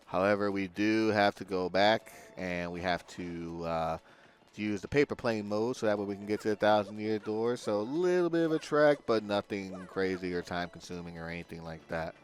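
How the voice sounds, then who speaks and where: Low-voiced man doing game commentary. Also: normal speed. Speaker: gaming video host. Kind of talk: casual let's-play commentary.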